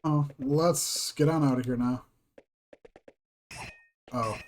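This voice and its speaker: A man's voice: mid-range voice, steady tone, slow pace, a little mellow, slight background noise. A man streaming a video game, making wry, offhand remarks that trail off. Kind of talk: casual let's-play commentary.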